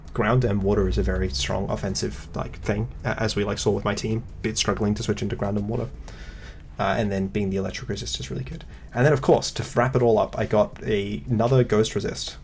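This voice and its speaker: A man with a low, gravelly voice hosts a casual chat, wandering through his points with plenty of ums and likes. His tone is wry and loose rather than polished. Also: a little hiss or hum. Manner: rambling, filler-heavy, wry. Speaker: podcast host. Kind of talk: casual chat about competitive games.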